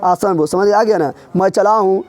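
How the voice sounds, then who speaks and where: A man teaching a grammar revision lesson in a classroom, drilling his students with quick repeated questions. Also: sits high, a little mellow.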